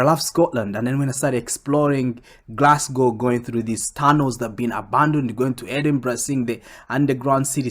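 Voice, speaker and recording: Animated young man from Congo. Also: mid-range voice. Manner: animated, swings up when quoting himself. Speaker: guest comic book creator and filmmaker. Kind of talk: casual interview answers.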